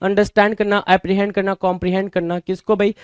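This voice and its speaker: A man's voice: high-pitched, little pitch movement, fast talker, clear, resonant tone, no echo, clean studio sound. A man teaching English vocabulary for exams in a mix of Hindi and English, repeating each word and asking his students rhetorical questions. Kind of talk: Hindi-English exam prep lecture.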